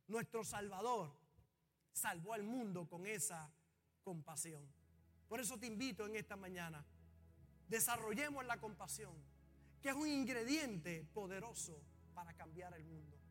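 Impassioned high-voiced male pastor preaching. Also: long reverb tail. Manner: impassioned preaching that builds to loud fervent peaks. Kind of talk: sermon. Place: church.

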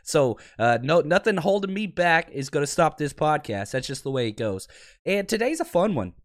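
Raspy, hoarse man hosting a lively sports podcast. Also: a little high, moderate pace. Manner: animated, rambling, conversational. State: hoarse, losing his voice. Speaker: podcast host. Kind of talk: casual sports talk to listeners.

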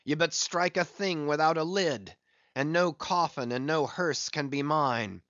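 A man voicing an obsessed sea captain who shouts loudly and defiantly, on dull, dry audio. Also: a little high, a little slow, no room sound. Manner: loud, raving and defiant.

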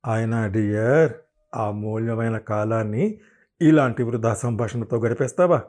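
A man's voice: lowish voice, a little slow, darkish tone, lightly acted. A man voicing a drunken, crude young husband who mocks and bullies in a coarse, drawling manner. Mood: menacing. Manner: mocking and coarse, drawling with English endearments.

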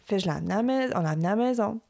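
A young woman with a Quebec French accent telling a story in casual chat, animated and mixing English words into her French. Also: mid-range voice, racing, gravelly.

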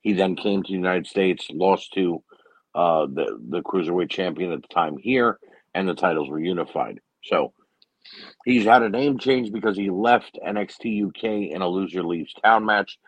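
A man's voice: deep voice, normal speed, dry recording, rough recording. A man giving a casual, rambling solo recap of a wrestling show, full of opinions and filler words.

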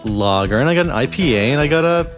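A man's voice: mid-range voice, animated, quick pace, over music. A man co-hosting a casual podcast, easygoing and agreeable, laughing often. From Canada. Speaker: podcast co-host.

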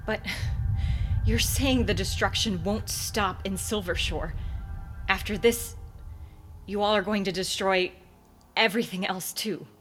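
An actress playing a determined, sharp-tempered young woman who speaks bluntly. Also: medium pitch, unhurried, long pauses, soft background music, close to an everyday voice. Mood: tense. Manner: blunt, impatient.

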